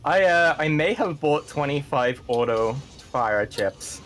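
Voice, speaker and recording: Slow, sheepish male speedrunner. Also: on the high side, animated, over music. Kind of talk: casual chat while playing.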